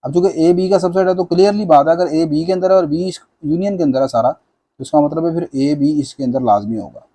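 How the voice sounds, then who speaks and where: A man gives a patient maths lecture, stepping through each proof. His voice sits fairly high but sounds warm and mellow. He checks in with his students often and drops English terms into his explanations. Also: fairly quick. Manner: patient, repeats "theek hai na" to check understanding; mixes English maths terms into Hindi-Urdu speech.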